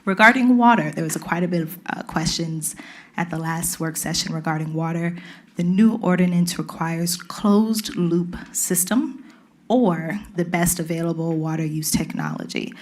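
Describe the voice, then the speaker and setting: A woman's voice: fairly low pitch, moderate pace. A woman with a Caribbean accent, a city staff presenter giving a formal policy briefing to a council, methodically walking through each change point by point.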